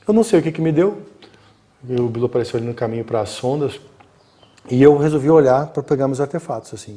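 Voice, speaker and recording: A man with a Brazilian Portuguese accent telling a story in casual live-stream talk, acting out the dialogue in it. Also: medium pitch. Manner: animated, acts out quoted dialogue. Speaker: guest storyteller.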